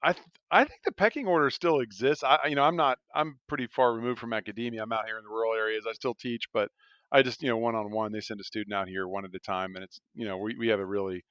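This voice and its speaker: Fast-talking man with a smooth voice. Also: on the low side, steady tone, fairly bright tone, no echo, lo-fi sound. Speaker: podcast co-host, rural physician. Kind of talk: casual podcast conversation.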